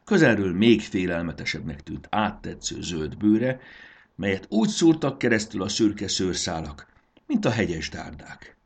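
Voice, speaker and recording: A man narrating a children's story in an expressive, animated reading. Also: low-pitched, vocal fry, husky.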